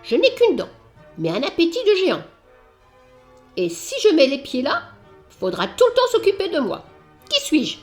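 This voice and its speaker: A woman's voice: sits high, huge pitch swings, normal speed, pauses often, faint music behind, pitched above the performer's own voice. A woman reading a storybook aloud and voicing a clever male crow in a teasing, sing-song way. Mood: playful.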